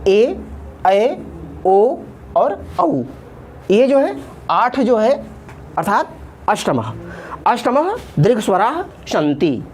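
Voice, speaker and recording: A woman's voice: fairly high pitch, sing-song, extremely slow, pauses often, a little mellow, slight background noise. A woman teaching a Sanskrit grammar lesson, patiently repeating each term first in Sanskrit and then in Hindi, and drawing out the vowel sounds as she says them. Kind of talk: classroom lesson explaining at a board.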